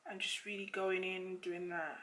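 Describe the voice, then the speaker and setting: A woman with a slightly croaky, froggy voice, chatting casually and informally as she explains a makeup tutorial step by step. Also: on the low side, little pitch movement, moderate pace, fairly bright tone. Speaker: makeup vlogger.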